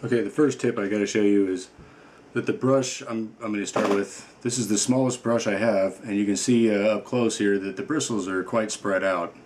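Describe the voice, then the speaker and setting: Low-voiced male toy reviewer, loose and playful, rambles freely, roomy reverberant sound. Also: fairly even intonation, moderate pace, a little mellow, a little hiss or hum. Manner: rambling and playful, many fillers. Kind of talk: casual unboxing chat.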